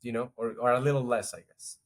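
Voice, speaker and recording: Guesting on a podcast, a strategy executive with a mid-range voice speaks quickly but in a steady tone. The casual interview finds him reflective, often restarting and leaning on fillers.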